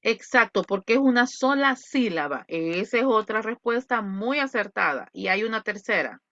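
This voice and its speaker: A woman, a Spanish speaker, teaching an English class online and voicing her students' questions in an animated way. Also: mid-range voice, normal speed, no echo, lo-fi sound.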